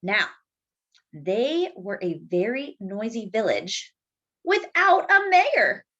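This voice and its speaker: A children's storyteller reads a picture book aloud with animation, drawing out key words and chatting with her young listeners. Her voice is a little high, and the sound is lo-fi.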